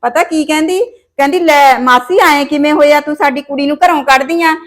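High-voiced scheming mother-in-law, scolding, domineering, played by a woman. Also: fairly quick, lightly acted. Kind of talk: village comedy short film acting.

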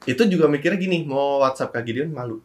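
A man guest on an interview show, speaking in a halting, reflective way and trailing off as he recalls. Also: mid-range voice, a little mellow. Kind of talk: candid casual chat.

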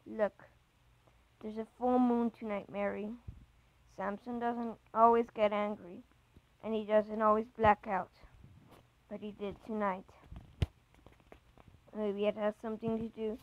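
A woman's voice: mid-range voice, little pitch movement, a little slow, pauses often, narrow, tinny audio, natural voice. A woman reading a chat story aloud, voicing an anxious young man who hesitates and stumbles over his words. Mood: hesitant.

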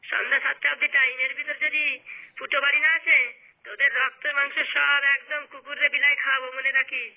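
A man's voice: very high-pitched, little pitch movement, a little fast, gravelly. A man voicing a menacing, hot-tempered cartoon character who threatens suspects and comforts a worried young wife, heard through a tinny, phone-like sound. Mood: threatening. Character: menacing, hot-tempered man hunting his missing friend.

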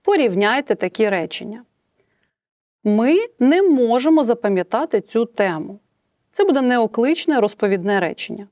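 In a recorded distance-learning lesson, a woman teacher with a Ukrainian accent explains grammar, acting out example sentences with shifting intonation. Her voice is fairly high and lively, with a darkish tone and normal speed. The recording is dry and studio quality.

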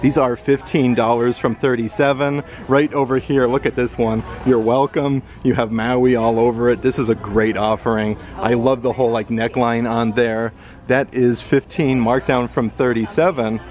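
A man's voice: medium pitch, fairly even intonation, moderate pace, darkish tone. Upbeat man narrating a store walkthrough. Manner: upbeat, lists prices, many fillers like "uh" and "like". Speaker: vlogger. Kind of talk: casual shopping walkthrough narration. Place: indoor retail store.

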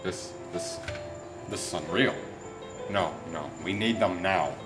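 A rattled young coworker, acted by a teenage boy in a student film. He pleads in a lowish voice. The room echoes around him. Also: takes it slowly, loud music behind the voice. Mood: distressed. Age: teens. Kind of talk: amateur student film acting.

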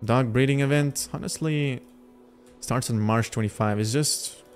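A man's voice: medium pitch, unhurried, soft background music. A man from Lithuania, casually commenting on gameplay and chatting with his viewers. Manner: chatty, thinking aloud, talks to chat. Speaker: gaming livestreamer.

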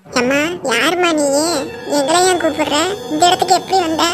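A woman's voice: high voice, moderate pace, close to an everyday voice. A woman voicing a bossy, scolding old village mother-in-law in a cartoon. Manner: bossy, scolding, sharp commands. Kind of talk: cartoon voice acting. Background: background music.

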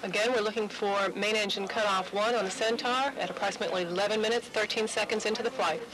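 A man's voice: sits high, fairly even intonation, fast, low-quality recording. A man acting as commentator, giving live commentary on a rocket launch.

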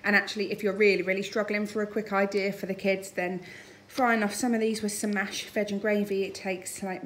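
A British woman in her thirties from the United Kingdom, a family vlogger, chats informally while narrating a grocery haul in her home dining room. Her voice is mid-range, with slight background noise.

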